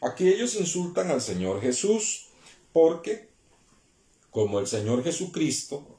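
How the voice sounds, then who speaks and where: A man's voice: on the high side, big pitch swings, unhurried, mellow, echoey room. A man preaching a sermon as pastor, reading scripture aloud with emphatic rises in his voice.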